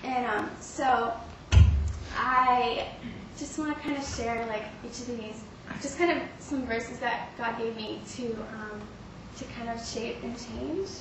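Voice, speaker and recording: A young woman shares a heartfelt testimony in an earnest, halting way, often pausing on fillers. Her voice sits a little high and is picked up from a distance in a very echoey room. Steady background noise runs underneath. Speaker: speaker sharing a testimony. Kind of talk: personal faith testimony. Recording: roomy, distant mic with clear background noise.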